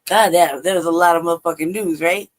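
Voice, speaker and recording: Fast and steady in tone, the man's slightly high voice carries a little hiss or hum. He offers loose, rambling commentary on the clips in his stream, occasionally dropping almost to a whisper.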